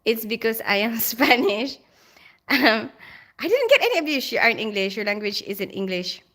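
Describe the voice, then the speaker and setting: Woman, Filipino accent, bright voice, live-stream chat, reads comments aloud, laughs often. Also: on the high side, sing-song, moderate pace. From Philippines. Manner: chatty, laughs often, speaks straight to viewers.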